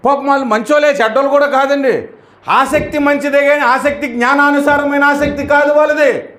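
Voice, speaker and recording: A man's voice: very high-pitched, fairly even intonation, a little fast, a bit bright. A male pastor preaching emphatically, acting out prayers and rebukes to show how they should sound. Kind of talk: sermon. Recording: echoey room.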